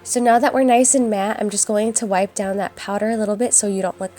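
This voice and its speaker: A young woman with a raspy, hoarse voice from a cold, chatting casually through a makeup tutorial voice-over. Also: medium pitch, fairly even intonation, fast talker, warm tone. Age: young adult. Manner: chatty and upbeat, addresses viewers as guys. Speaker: beauty vlogger. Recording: voice-over with faint music behind.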